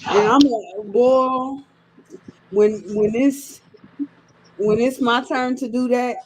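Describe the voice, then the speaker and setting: A woman's voice: a little high, slow pace, slight background noise, rough recording. A woman in her thirties chatting casually on a sports show, ranting with emphatic repetition. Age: 30s.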